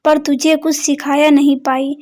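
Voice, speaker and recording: A woman voicing a stubborn, angry older mother-in-law in a narrated story, with an even, flat delivery. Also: high voice, moderate pace, natural voice.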